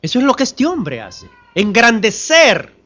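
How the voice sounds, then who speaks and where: A man preaching a sermon as pastor, asking the congregation questions and swinging from loud emphatic lines to hushed ones. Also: fairly high pitch, animated, unhurried. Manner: addresses the congregation as brothers.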